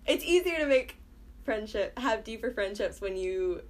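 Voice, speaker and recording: A woman's voice: a little high, animated, normal speed, a crowd in the background. Giggly teenage girl chatting as guest. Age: high school student. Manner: giggly, rambling with fillers. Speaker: podcast guest. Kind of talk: casual chat.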